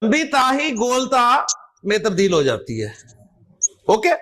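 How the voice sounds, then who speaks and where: High-pitched Pakistani Urdu-accented male teacher. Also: wildly swooping pitch, fairly bright tone. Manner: explains slowly, repeats examples, checks understanding with the class. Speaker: Arabic grammar teacher. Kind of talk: recorded grammar lecture.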